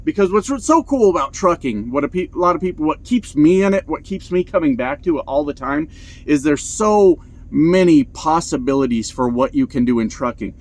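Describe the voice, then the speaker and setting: A man's voice: on the high side, normal speed. A man talking in a casual vlog about trucking, blunt and profane, telling stories with lots of energy. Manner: blunt, profane, animated storytelling. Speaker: truck driver vlogger. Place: inside his truck cab.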